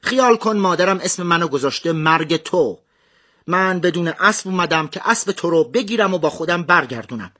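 A man's voice: high-pitched, expressive, bright, forceful tone, exaggerated voice. A man doing a proud, scornful legendary hero. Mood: taunting. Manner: boastful, taunting threats.

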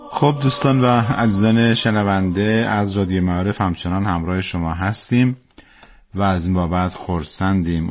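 A man hosting a religious radio program, addressing listeners in a formal, devout manner. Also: low-pitched. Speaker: radio host. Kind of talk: radio presenting.

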